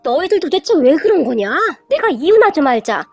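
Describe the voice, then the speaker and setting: A woman's voice: sits high, sing-song, normal speed, warm tone, dry recording, soft background music. A woman voicing a stern older mother-in-law who scolds firmly. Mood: stern, scolding. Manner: firm, scolding.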